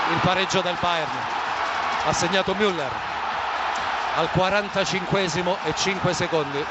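A man giving breathless, excited live football goal commentary, shouting when the ball goes in. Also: high-pitched, dull audio, heavy background noise.

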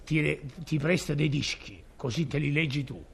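A man's voice: fairly high pitch, normal speed, creaky, breathy edge. A man in a comic double act, stammering and fumbling his words. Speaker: comedian.

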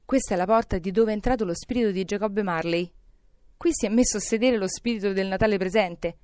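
A woman's voice: medium pitch, fast talker, darkish tone, no room sound, natural voice. A woman voicing an elderly man, a reformed miser, overjoyed and breathless, exclaiming between laughter and tears. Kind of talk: audiobook character reading.

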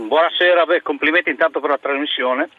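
A man from northern Italy calling into a radio show over the phone, polite but indignant, slowing down to stress his points. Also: on the high side. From Mantua, northern Italy. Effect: caller heard over a phone line on a radio show. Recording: tinny narrow phone line.

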